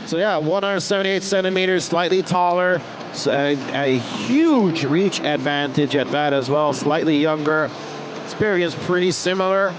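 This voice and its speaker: Male MMA commentator, high-pitched, analytical and conversational, over clear venue noise. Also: normal speed. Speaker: fight commentator. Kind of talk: sports commentary, pre-fight analysis. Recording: noisy live event background.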